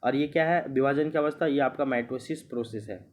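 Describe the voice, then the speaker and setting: In a muffled lo-fi recording, a man with a brisk, medium-pitched voice teaches an exam-prep lecture, explaining step by step, repeating himself, and checking that students understand.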